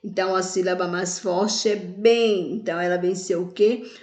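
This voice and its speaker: A woman's voice: fairly low pitch, fairly even intonation, moderate pace, a little mellow. A woman teaching grammar, stretching words out syllable by syllable and answering her own questions. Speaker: Portuguese teacher. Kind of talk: grammar lesson. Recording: echoey room.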